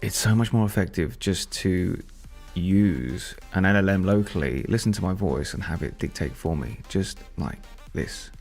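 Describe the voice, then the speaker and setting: A man's voice: deep voice, normal speed, darkish tone, soft background music. A man thinking aloud and rambling as he codes on a casual live stream. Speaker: software developer live-streaming.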